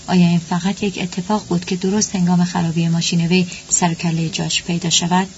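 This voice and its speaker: A woman narrating a story at a steady, even pace. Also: lowish voice. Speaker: audiobook narrator. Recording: dull lo-fi with faint hum.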